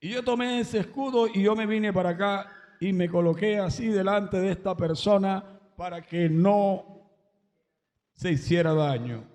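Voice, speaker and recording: A man's voice: high-pitched, a little slow, a little mellow, long reverb tail. A man giving an emotional religious testimony at a church service, breaking into exclamations of praise.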